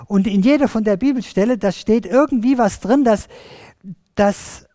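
A storyteller telling a Bible story to children, lively and addressing the listeners directly. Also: medium pitch, normal speed, dry recording, studio quality. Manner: animated, addresses listeners directly, many restarts.

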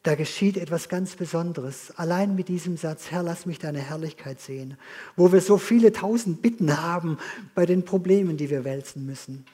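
A pastor preaches a sermon and leads his congregation in prayer, earnest and direct, guiding them through a spoken exercise before softening into a hushed prayer. His voice is a little high and slightly rough, at a normal speed.

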